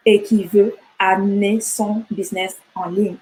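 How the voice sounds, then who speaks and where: A middle-aged Rwandan woman, a guest entrepreneur, chats animatedly in a casual interview, often repeating words as she restarts sentences. Her voice is mid-range and a little mellow, with fairly even intonation and a measured pace, though the audio is poor.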